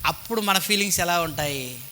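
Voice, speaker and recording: Male Telugu preacher with a high, very bright voice, chatty sermon style, asking the congregation questions, cheap handheld mic. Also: lively intonation, fairly quick, slight background noise. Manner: conversational, asks the congregation questions, mock-voices petty thoughts. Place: church hall. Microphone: cheap handheld microphone.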